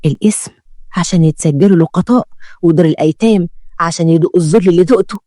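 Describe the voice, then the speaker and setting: A stern older Egyptian man who lectures and scolds, voiced by a storyteller. He speaks quickly with a dry, close sound. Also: medium pitch, mellow, no room sound, natural voice. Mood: scolding. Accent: Egyptian Arabic.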